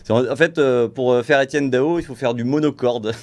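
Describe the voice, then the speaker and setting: A man on a live stream chats loosely about mixing tracks and his own bad impressions. His voice has a gravelly edge, and he keeps laughing at himself as he rambles. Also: mid-range voice, darkish tone. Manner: rambling, self-mocking, quick to laugh. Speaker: streamer and music producer. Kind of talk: casual live-stream chat.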